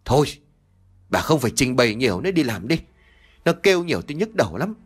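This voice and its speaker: A man's voice: medium pitch, very animated, fast, slightly rough. A man voicing a greedy, spiteful village daughter-in-law who nags and scolds sharply in a storybook reading. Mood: scolding.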